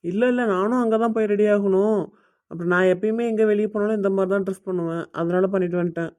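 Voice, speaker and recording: A man playing a high-voiced easygoing young husband. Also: fairly even intonation, fast talker, darkish tone, lightly acted. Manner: easygoing, talkative. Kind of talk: amateur family drama acting.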